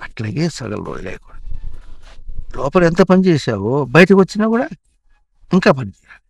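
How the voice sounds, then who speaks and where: Animated man teaching with lively pitch. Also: normal speed, creaky, slightly rough, no echo. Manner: animated, repetitive questioning. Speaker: spiritual teacher. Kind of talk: teaching a child.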